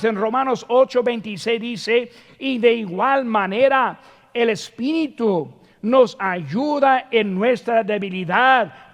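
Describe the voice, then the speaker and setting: A male pastor preaching a sermon, emphatic, repeating key phrases and swinging between loud calls and hushed words. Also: very high-pitched, in a large hall. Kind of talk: Spanish-language sermon. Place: church sanctuary.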